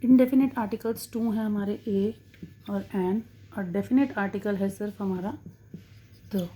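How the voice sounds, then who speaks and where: A woman teaching English grammar, drawing out example words slowly to stress their sounds. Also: mid-range voice, warm tone. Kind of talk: classroom-style grammar lesson.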